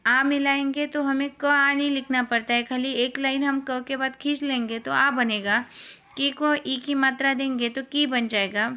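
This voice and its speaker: A woman's voice: high voice, pushed and bright. A woman teacher, giving a grammar lesson and explaining step by step. She asks each point as a question, then answers it herself.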